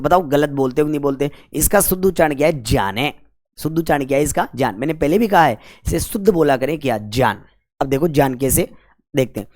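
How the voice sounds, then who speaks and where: A man's voice: on the high side, darkish tone. Male teacher drilling students. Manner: repetitive call-and-response questioning, colloquial 'apan'. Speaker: Hindi grammar teacher. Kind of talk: whiteboard grammar lesson.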